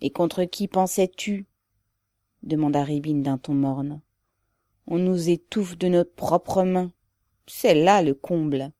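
A man's voice: on the high side, slow pace, dark tone, dry recording, studio quality. A woman reading aloud and voicing a gaunt, bitter peasant man who speaks in a fiery, rousing way. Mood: grim.

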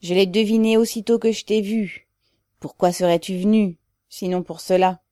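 A man's voice: fairly high pitch, slow, warm tone, no room sound, clean studio sound. A woman reading aloud and voicing a gaunt, bitter peasant man who speaks in a fiery, rousing way.

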